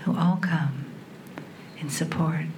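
A woman leading a guided meditation in a soft, breathy, soothing half-whisper, in short phrases with long pauses. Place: in a room with a group. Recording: clearly noisy recording with low rumble.

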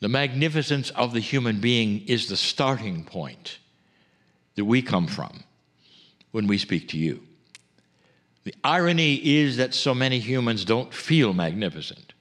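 Brief: male spiritual channeler, medium pitch, very measured, solemn and oratorical, pausing often. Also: animated, fairly bright tone. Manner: solemn, deliberate, oratorical pauses.

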